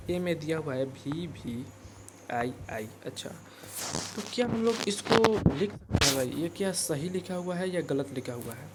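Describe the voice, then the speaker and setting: A man's voice: a little high, darkish tone. Patient male math teacher, noisy recording. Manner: repetitive, checks in with rhetorical "right?" constantly; addresses viewers as kids, patient and drawn out. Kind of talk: classroom-style worksheet explanation.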